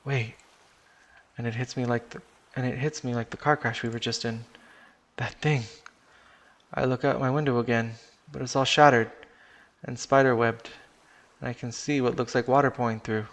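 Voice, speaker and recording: A man's voice: mid-range voice, steady tone, moderate pace, a bit bright. A man reading a first-person story aloud on a stream, casual in tone, swearing now and then and restarting sentences.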